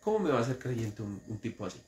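A man preaching a sermon with a Colombian accent, animated and mocking as he mimics would-be prophets. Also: mid-range voice, quick pace. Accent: Colombian Spanish. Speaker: pastor. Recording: echoey church room.

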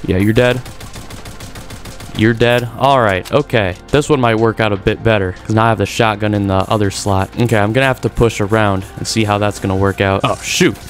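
A man giving excitable live commentary over his own video game play, trash-talking opponents and reacting as he goes. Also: fairly low pitch, brisk. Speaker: gaming YouTuber. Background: game music and gunfire.

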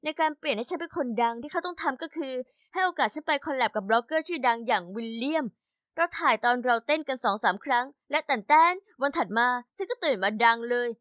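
A woman reading a first-person animated life story in an even, steady way. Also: sits high, fast talker, dry recording, clean studio sound. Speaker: narrator voicing all characters. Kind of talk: scripted storybook narration.

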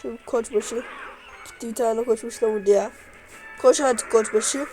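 A woman giving live commentary over her own gameplay, excitably cheering and scolding the units on screen. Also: fairly high pitch, normal speed, faint music behind, rough recording. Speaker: gamer.

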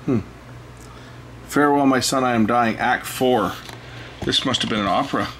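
A man hosting a look at old records talks casually while working at a cluttered indoor electronics bench, thinking out loud as he goes. He speaks at medium pitch and a moderate pace, slightly bright, and there's a faint hiss or hum.

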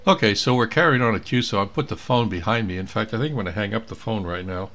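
Talking at a quick pace in a fairly low, fairly bright voice, an amateur radio operator presents a casual screen tutorial. He sits indoors at a computer, thinking aloud as he works.

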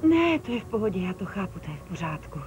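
A woman dubbing a young captive daughter who stays guarded and calm. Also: mid-range voice, close to an everyday voice. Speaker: dubbing actor. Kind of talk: dubbed telenovela acting. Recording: noisy background.

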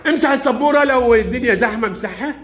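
Lively high-voiced Egyptian teacher. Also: male voice, normal speed. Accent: Egyptian Arabic. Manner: encouraging, praises pupils often. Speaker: primary school teacher. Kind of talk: classroom lesson with pupils. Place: classroom.

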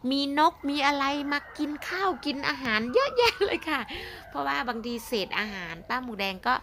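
A woman's voice: high voice, big pitch swings, moderate pace, gravelly, noisy background. A Thai woman who talks in a chatty way in her home vlog and coos in baby talk to her dogs. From Thailand. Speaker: vlogger. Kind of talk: casual vlog narration.

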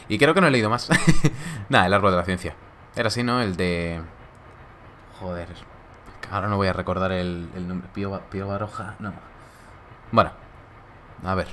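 A man's voice: low voice, bright, forceful tone, slight background noise. Joking young man streaming. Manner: laid-back, joking, laughs often. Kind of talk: casual live-stream chat reading viewer comments.

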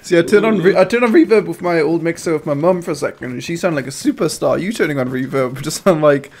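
A man's voice: a little high, quick pace, a little hiss or hum. A man chatting casually while gaming, his voice drenched in reverb as if he were inside a shipping container. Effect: heavy reverb, like inside a shipping container. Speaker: gameplay video creator. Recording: echoey reverb on voice chat.

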